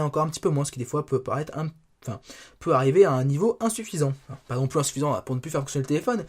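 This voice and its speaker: A man's voice: on the high side, a little mellow. A young man talking through a phone review in a casual, rambling way, often correcting himself as he demonstrates features on screen. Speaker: tech reviewer. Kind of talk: casual spoken product review.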